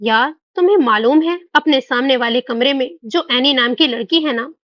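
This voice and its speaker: A woman's voice: high-pitched, normal speed, no echo, lightly acted. A woman doing a gossipy young student. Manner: secretive, gossiping. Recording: dull dry recording.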